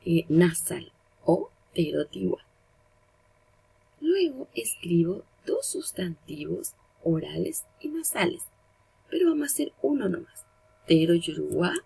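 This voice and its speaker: A woman's voice: fairly low pitch, vocal fry, dark tone, slightly rough, low-quality recording. A woman teacher, giving a recorded language lesson and patiently explaining step by step while repeating the example words.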